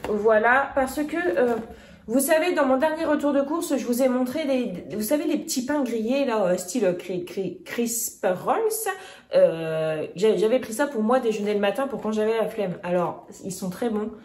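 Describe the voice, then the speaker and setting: A woman's voice: fairly high pitch, moderate pace, a little mellow. A woman in her thirties, a vlogger chatting casually about her groceries with many fillers and restarts. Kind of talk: casual grocery haul chat. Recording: echoey room, faint noise.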